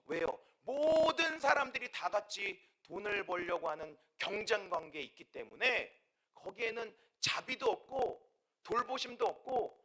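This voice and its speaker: Male pastor, sermon delivery, high and bright voice, animated storyteller who quizzes the congregation. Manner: storytelling with lively quoted dialogue and rhetorical questions.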